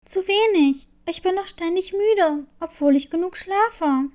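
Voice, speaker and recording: A woman's voice: very high voice, measured pace, a little mellow. A woman voicing a young leopard girl, sleepy and easily upset, in a children's storybook tale. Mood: tired. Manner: tired, plaintive.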